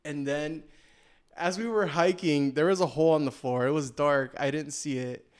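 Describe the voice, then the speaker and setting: A man's voice: fairly high pitch, normal speed, smooth. A young man co-hosting a podcast, casually telling self-deprecating personal stories and often laughing as he talks. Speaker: podcast co-host. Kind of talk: casual chat, personal storytelling.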